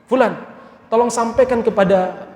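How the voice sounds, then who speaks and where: A man's voice: extremely high pitch, moderate pace, a little mellow, pitched above the performer's own voice. A man voicing an indignant, proud middle-aged woman who scolds in a haughty way, in an echoey hall. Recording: echoey hall with long reverb.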